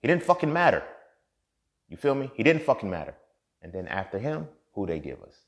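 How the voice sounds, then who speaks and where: This podcast host, a man in his thirties, delivers a profane, impassioned monologue, swinging between low muttering and loud outbursts. His pitch swings widely and he talks briskly.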